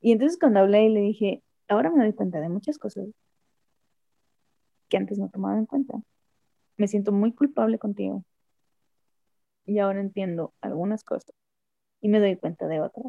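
A woman's voice: medium pitch, normal speed, creaky, long pauses, dry recording, phone-quality sound. A woman with a Mexican accent, a guest telling a personal story in a candid, reflective way and repeating phrases for emphasis. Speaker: interview guest.

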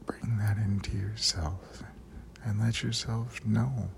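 ASMR host, male: low, creaky, breathy whisper right in the listener's ear, unhurried and soothing, slight background noise. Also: fairly even intonation. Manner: close, intimate, right-in-your-ear delivery; slow, deliberate, drawn-out phrasing with pauses. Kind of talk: ASMR, slow soft whispering monologue.

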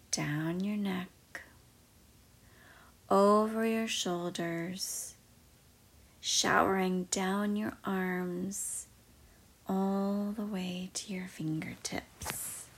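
A woman leads a guided meditation in a hushed, largely whispered voice. Her delivery is unhurried, and her tone carries a husky, gravelly edge. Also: mid-range voice, fairly even intonation. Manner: soft, slow, mostly whispered.

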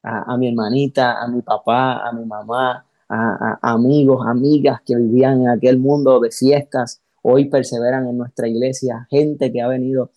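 A man with a dark, mellow voice telling his life story in an interview. He speaks with feeling and acts out the people he quotes, often repeating words as he goes. The sound is dry and close. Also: mid-range voice, level tone, normal speed, hardly any pauses, dry recording, highs cut off. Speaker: pastor, interview guest. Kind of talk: emotional personal testimony.

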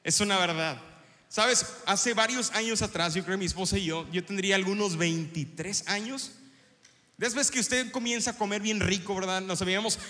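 A middle-aged man with a Mexican accent preaches to his congregation, telling stories and calling out questions. His voice sits high and sounds bright and forceful. A long reverb trails after him, as in a large hall. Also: moderate pace. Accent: Mexican Spanish. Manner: storytelling, lively and engaging the congregation. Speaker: pastor. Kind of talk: sermon.

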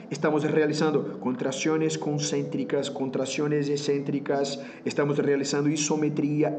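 A man's voice: on the high side, warm tone, slight background noise. A man with a Brazilian Portuguese accent, a native Portuguese speaker and vocal coach, explaining singing exercises in an interview, slipping in Portuguese words and stopping to demonstrate. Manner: slips in Portuguese words, searches for words.

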